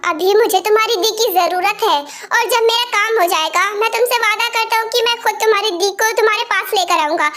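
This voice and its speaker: A woman voicing a patient calm young man. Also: very high-pitched, brisk, few pauses. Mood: pleading. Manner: patient, reasoning, gently pleading. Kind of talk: amateur fan dub.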